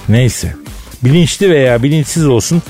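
A man's voice: mid-range voice, animated, moderate pace, a little mellow, faint music behind. A man hosting a radio show with casual, slangy, mock-indignant comedic banter.

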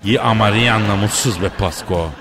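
A man's voice: on the low side, brisk, over music. A man hosting a comedy radio show, teasing his co-host and staging a fake phone call. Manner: jokey, teasing, mimics the other end of a phone call.

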